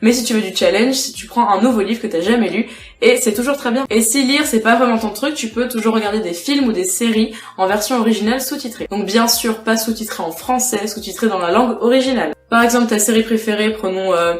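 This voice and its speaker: A woman's voice: fairly high pitch, quick pace. A young woman giving casual tips to her viewers in a chatty vlog, talking straight to the listener. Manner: chatty, addresses viewer directly. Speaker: vlogger. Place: indoors at home with a cat. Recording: echoey room with faint music.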